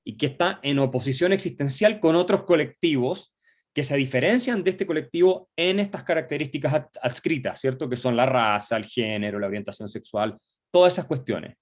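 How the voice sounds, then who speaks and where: Male guest, average pitch, professorial, peppers speech with fillers. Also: a little fast. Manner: lecturing, many filler "eh" and tag questions. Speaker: guest commentator. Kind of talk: political discussion.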